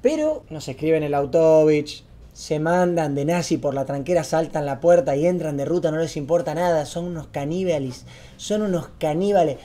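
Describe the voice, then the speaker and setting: Here a young streamer with an Argentine accent and a slightly high voice recounts a story to camera. The delivery is quick, slangy and excitable, rising in volume as he acts things out.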